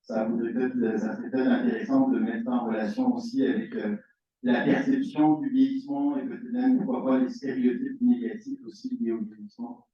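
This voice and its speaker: A man's voice: medium pitch, lively intonation, fairly quick. Jury guy asking a question, far from the mic, super echoey room. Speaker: jury member. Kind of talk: asking a question at a thesis defense. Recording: distant echoey room mic, dull sound.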